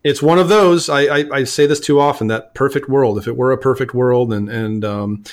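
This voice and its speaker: A man's voice: mid-range voice, fairly even intonation, moderate pace. Enthusiastic man chatting about music. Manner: enthusiastic, stammers and restarts often. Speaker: podcast co-host. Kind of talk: casual music podcast chat.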